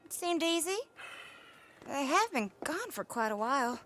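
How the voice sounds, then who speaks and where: A sly, eager American outlaw woman in a Western game. Her voice is fairly high, with faint noise around it. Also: very animated, normal speed. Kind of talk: video game voice acting.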